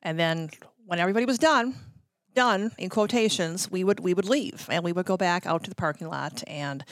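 This interview guest, a middle-aged American woman who used to do radio promotions, recounts anecdotes in a chatty way, acting out conversations and repeating her own lines. Her lowish voice runs a little fast, captured in a dry, clean studio recording.

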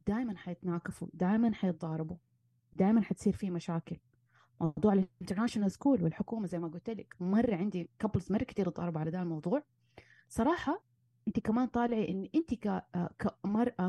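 A woman, a marriage and family therapist giving animated advice in casual conversation and slipping in English terms. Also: medium pitch, slightly rough, no echo. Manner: animated, acts out arguments, mixes in English terms.

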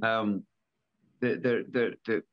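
Halting older man in a lo-fi interview. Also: on the low side. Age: 70s. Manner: halting, repeats words, many fillers. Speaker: rally driver guest. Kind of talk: casual interview. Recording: dull lo-fi recording.

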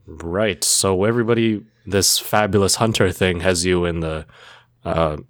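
A man's voice: deep voice, fairly even intonation, measured pace, dry recording, clean studio sound. A man co-hosting a casual educational podcast, walking through medical facts with playful mnemonics. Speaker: podcast co-host.

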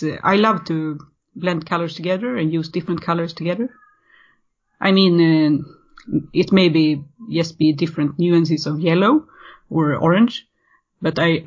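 A Swedish woman in her thirties with a Swedish accent, a podcast guest talking in a casual interview, hesitant, with many fillers and restarts. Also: fairly low pitch. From Sweden. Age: 30s. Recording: muffled lo-fi audio.

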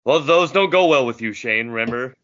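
A man's voice: medium pitch, expressive, a little fast, fairly bright tone. A man co-hosting a casual podcast who scolds the others wryly, on dull lo-fi audio. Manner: scolding, wry. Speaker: podcast co-host.

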